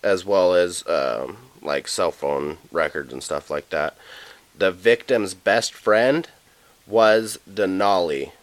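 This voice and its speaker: Male podcast co-host, deep and dry, casual cursing, lots of um and like. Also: dry recording. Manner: loose, profane, halting with many fillers. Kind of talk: casual true crime chat.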